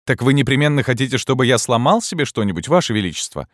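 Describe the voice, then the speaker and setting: A man's voice: medium pitch, sing-song, fast, dry recording, studio quality, voice pushed up. A man voicing an anxious, talkative young male poet who protests nervously. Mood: alarmed protest.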